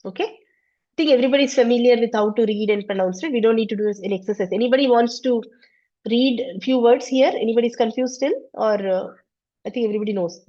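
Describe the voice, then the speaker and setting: A woman's voice: fairly high pitch, fast talker, mellow. A woman teaching a Sanskrit class online, explaining patiently and step by step. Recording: slightly dull lo-fi audio.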